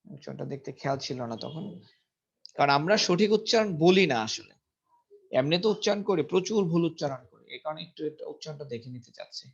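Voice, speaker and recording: In a dull lo-fi recording, a man with a slightly high, gravelly voice teaches English vocabulary in a casual lesson. He speaks quickly and animatedly, repeating each word several times and checking the pronunciation aloud.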